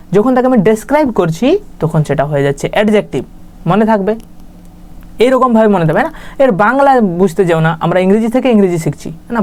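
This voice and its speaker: A woman with a mid-range, darkish voice teaches English grammar in a casual spoken lesson. She's chatty and keeps asking "right?" to check that listeners follow along.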